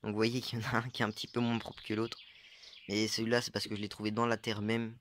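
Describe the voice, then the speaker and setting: Young man, low voice, hesitant casual show-and-tell, faint background noise. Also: little pitch movement, quick pace, fairly bright tone. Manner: hesitant, many fillers, unsure asides. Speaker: metal-detecting hobbyist showing finds.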